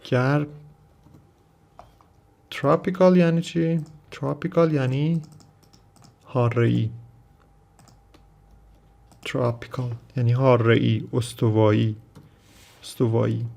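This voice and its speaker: A man with a gravelly, creaky voice at an ordinary middle pitch gives an English vocabulary lesson. His first language is Persian. He reads English phrases slowly and carefully, then explains them at length. Keyboard clicks can be heard behind him. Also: steady tone, a little mellow. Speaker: English teacher.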